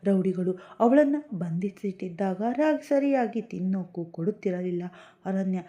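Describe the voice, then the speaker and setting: Mellow-voiced woman narrating a love story. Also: mid-range voice, moderate pace, muffled recording. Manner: even, descriptive storytelling.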